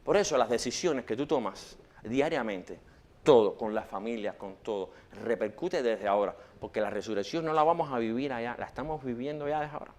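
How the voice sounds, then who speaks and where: A man preaching a sermon in church, swinging between loud rhetorical questions and hushed quotations. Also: mid-range voice, a little fast.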